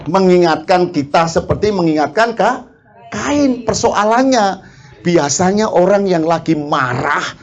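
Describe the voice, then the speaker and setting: Heard in lo-fi sound, a male preacher delivers a spirited sermon in a high, animated voice. He keeps asking the congregation questions, laughs briefly, and acts out quarrels.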